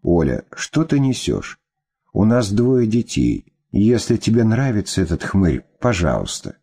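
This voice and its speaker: A whiny, self-pitying middle-aged ex-husband, voiced by a man. He pleads and sulks in a low, dark voice with a husky edge. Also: very animated, a little slow, full character voice. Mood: pleading. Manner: pleading, whining.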